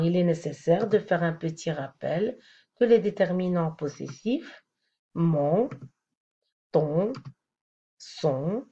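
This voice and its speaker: A woman teaching a grammar lesson, speaking slowly and deliberately and repeating each example one by one. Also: on the low side, mellow, highs cut off.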